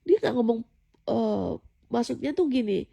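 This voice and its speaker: A woman's voice: fairly high pitch, sing-song, unhurried, creaky, dark tone, husky. A woman casually telling viewers about a dream, in a rambling way, repeating herself, with many fillers and restarts. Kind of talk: casual spoken testimony addressed to viewers.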